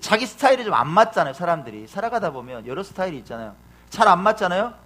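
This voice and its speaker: A man's voice: sits high, sing-song, racing, a bit bright. A middle-aged man preaching a sermon as a pastor, asking the congregation questions and acting out quotes.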